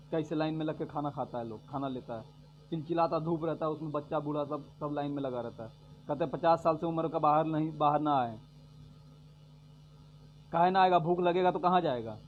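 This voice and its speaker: A man giving a sarcastic political rant, repeating his points and swinging between loud jabs and low mutters. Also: fast talker. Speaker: vlogger giving political commentary. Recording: dull lo-fi audio with faint hum.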